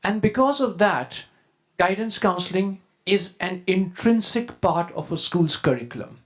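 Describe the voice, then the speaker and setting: A man with an Indian accent giving a prepared talk as a school leader, in a formal, measured and emphatic way. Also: sits high, animated. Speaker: school deputy head, conference speaker. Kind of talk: prepared presentation to an audience.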